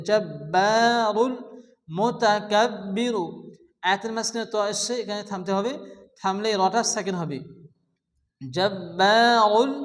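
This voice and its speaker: A man teaching Quran recitation, chanting verses slowly and melodically between quick spoken explanations of pronunciation rules. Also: high voice, a bit bright. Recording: long reverb with faint music underneath.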